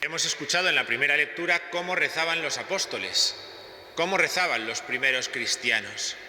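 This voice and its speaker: Priest, very bright voice in echoing church. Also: male voice, on the high side, brisk. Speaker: priest celebrating Mass. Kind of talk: solemn Gospel reading and homily. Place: large reverberant church. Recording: echoey church with long cathedral-like reverb.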